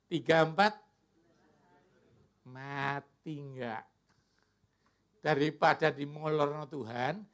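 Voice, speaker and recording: Pastor preaching in church. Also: male voice, fairly high pitch, a bit bright. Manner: colloquial preaching, acts out quoted voices. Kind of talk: sermon. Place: church worship service.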